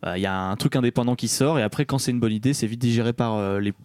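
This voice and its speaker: A man's voice: medium pitch, fast talker, darkish tone, dry recording, studio quality. A young man hosting a casual film chat before a live audience, playful and hesitant, fond of wordplay. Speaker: podcast host.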